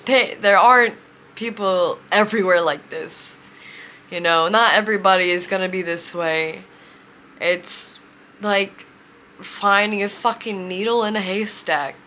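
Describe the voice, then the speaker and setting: Young woman in her 20s, slow heartfelt talk, close to tears, a bit of noise in the background. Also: medium pitch, sharp tone. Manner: heartfelt, tearful, halting. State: emotional, near tears. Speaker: vlogger. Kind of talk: emotional personal storytelling.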